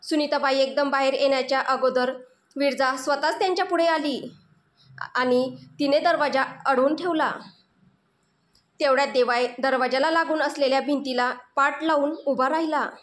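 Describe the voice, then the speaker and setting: A woman narrating a romantic story in an emotional, expressive way. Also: high-pitched, normal speed.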